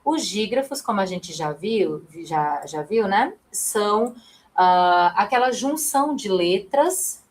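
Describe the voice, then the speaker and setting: A young Brazilian woman teaches a live online class, chatty and upbeat. She speaks at a middle pitch and calls on students by name between explanations. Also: lively intonation, slow. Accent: Brazilian Portuguese. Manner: chatty, reads chat, addresses students by name.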